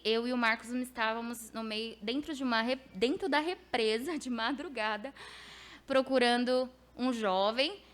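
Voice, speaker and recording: A woman preaches a testimony from the pulpit, her voice sitting a little higher than most. She tells the story earnestly and with animation, acting out the conversations she describes. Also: fairly bright tone. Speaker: preacher giving a testimony at a church service. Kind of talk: testimony sermon.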